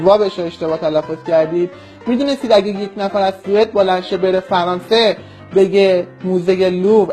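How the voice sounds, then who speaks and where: A man's voice: sits high, darkish tone. A man from Iran giving an impassioned political monologue, vehement and scornful, lecturing his listeners. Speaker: political commentator.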